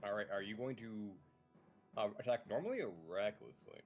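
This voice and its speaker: Male dungeon master, animated, expressive pitch, casual swearing. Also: a little fast, faint music behind. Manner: animated, swears freely, narrates combat. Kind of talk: running a tabletop game, casual.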